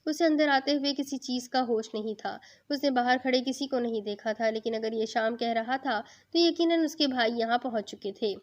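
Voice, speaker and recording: Woman novel narrator, steady storytelling read, fairly high voice, dull lo-fi recording. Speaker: novel reader.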